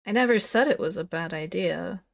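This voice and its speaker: A woman playing a tabletop game, soft-spoken and unhurried. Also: lowish voice, gravelly, no room sound, clean studio sound. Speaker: player.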